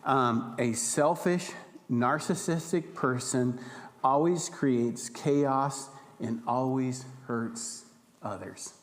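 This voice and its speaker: A man's voice: medium pitch, slow pace. A man preaching a sermon as pastor in a church, teaching in a conversational way and often checking in with the congregation. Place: church sanctuary. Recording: reverberant church hall.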